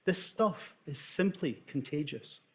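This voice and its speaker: A middle-aged Scottish man speaks to an audience, his voice pitched a touch higher than most men's. He tells stories with lively, dry humour, as a doctor who has worked in emergency care. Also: slow. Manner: storytelling with humour, lively delivery. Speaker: emergency department consultant. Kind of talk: talk to an audience.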